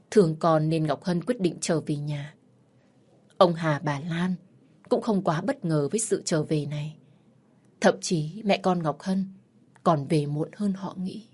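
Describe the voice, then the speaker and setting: Husky woman narrating a sad story. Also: low voice, measured pace, pauses often, darkish tone. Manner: somber, emotional storytelling.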